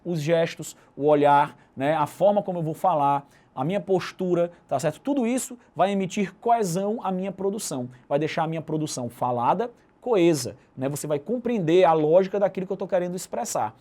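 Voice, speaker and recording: The speaker is a male teacher from Brazil with a Brazilian Portuguese accent, pitched fairly high and a little mellow, talking a little fast. He leads a recorded video lesson step by step, closing almost all his phrases with a tag question.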